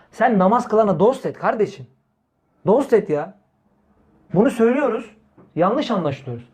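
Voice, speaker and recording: A man's voice: high-pitched, a little mellow, breathy edge. A man preaching in an informal religious talk, speaking emphatically, repeating key phrases, asking rhetorical questions and addressing his listeners directly as brothers. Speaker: Islamic preacher.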